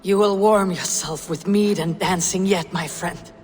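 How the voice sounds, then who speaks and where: A woman voicing a steadfast, solemn Viking warrior in a video game, with grave, measured, formal delivery. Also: fairly low pitch, a little mellow, slight background noise, close to an everyday voice. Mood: tender. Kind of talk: dramatic video game acting. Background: music.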